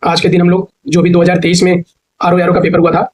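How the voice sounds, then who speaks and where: A man teaching an exam-prep grammar lesson, explaining step by step and repeating words slowly to spell them out. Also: high voice, monotone, darkish tone, low-quality recording.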